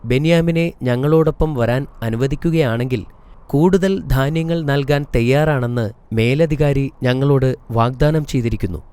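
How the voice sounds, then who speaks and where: A man's voice: mid-range voice, normal speed, warm tone, clear, resonant tone, lightly acted. A man voicing a group of grown brothers pleading with their father in a children's storybook.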